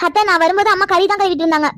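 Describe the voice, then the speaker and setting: A woman's voice: very high voice, fairly even intonation, racing, bright, forceful tone, no echo, studio quality. A woman voicing a cheerful, eager young village girl in a cartoon, chatty and sweet. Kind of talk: cartoon voice acting.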